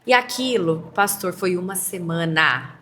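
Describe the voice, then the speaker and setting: A woman with a Brazilian Portuguese accent telling a personal faith testimony in casual chat, animated and acting out the dialogue she quotes. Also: on the low side, unhurried, slight background noise.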